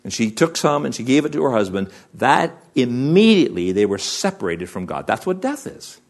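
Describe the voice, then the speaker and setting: A man's voice: mid-range voice, sing-song, moderate pace. A man preaching a sermon as pastor, asking the congregation rhetorical questions.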